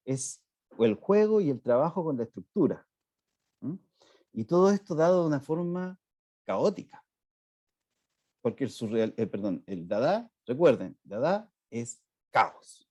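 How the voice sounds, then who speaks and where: A man with a mellow, medium-pitched voice gives a lecture, explaining artworks and speaking straight to his listeners. The sound is dry and close. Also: big pitch swings, a little slow, long pauses, dry recording. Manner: explanatory, addresses the audience directly. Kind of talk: online art history talk.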